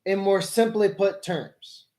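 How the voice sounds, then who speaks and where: Speaking slowly in a high, slightly mellow voice with fairly even intonation, a man hosting a live stream argues politics with a caller. He explains as he goes, often correcting and rephrasing himself.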